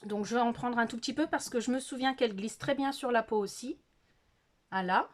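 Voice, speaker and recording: Speaking fairly quickly in a highish voice, a middle-aged beauty vlogger chats her way through a makeup tutorial from her bedroom. The phone-filmed talk is hesitant and packed with fillers, and she laughs at herself along the way.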